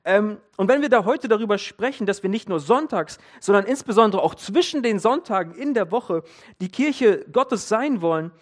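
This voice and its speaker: A man preaching a sermon, lively and speaking directly to his listeners. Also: high voice, moderate pace.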